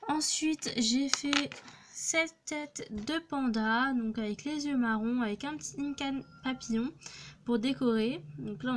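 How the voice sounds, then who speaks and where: A young teenage girl with a fairly high voice casually shows off her clay crafts in a phone-recorded show-and-tell, hesitating with many fillers and restarts. She's a craft vlogger, and there's slight background noise.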